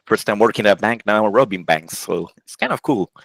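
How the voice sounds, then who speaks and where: A man in his forties from Honduras talks through his career as an interview guest. He speaks casually and haltingly, stopping and restarting his sentences often. His voice sits fairly low, and the recording is dry with no room echo. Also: creaky, fairly bright tone. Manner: halting, many restarts and self-corrections, laughs often. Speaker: game programmer, interview guest.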